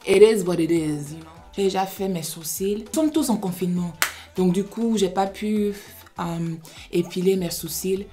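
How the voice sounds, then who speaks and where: A woman's voice: medium pitch, normal speed, dark tone, soft background music. A young woman with a Beninese French accent, from Benin and raised in the United States, chatting through a casual makeup tutorial and slipping English phrases into her French. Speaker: beauty vlogger.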